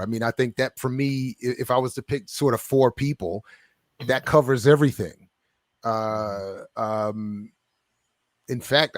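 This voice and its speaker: A man's voice: medium pitch, no room sound, clean studio sound. A man guest, an author and scholar, answering interview questions with building passion over a video call. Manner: passionate, builds up and gets amped.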